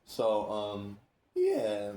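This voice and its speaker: Animated man telling stories, roomy sound. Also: fairly low pitch, drawn-out words, vocal fry, slight background noise. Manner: animated, laughing, acts out quoted speech. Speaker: streamer and host. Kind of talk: casual storytelling chat. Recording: roomy echo.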